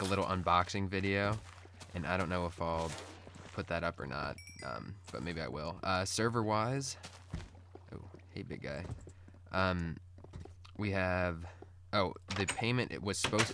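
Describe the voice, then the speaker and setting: Male gamer, deep morning voice, laid-back rambling Let's Play chat, slightly noisy audio. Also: moderate pace, fairly bright tone. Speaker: gaming video host. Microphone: recorded through screen-capture software. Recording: poor audio with background noise.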